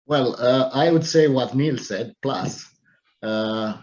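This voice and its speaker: A man's voice: mid-range voice, takes it slowly, darkish tone. A man from Romania on an online panel, hesitant with fillers. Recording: dull lo-fi call audio.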